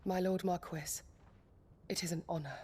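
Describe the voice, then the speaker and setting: A woman's voice: fairly low pitch, fairly even intonation, normal speed, a little mellow, slight background noise, natural voice. A woman voicing a devoted knight bodyguard. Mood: solemn. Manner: formal, courtly address. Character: loyal young female knight bodyguard, formal and devoted.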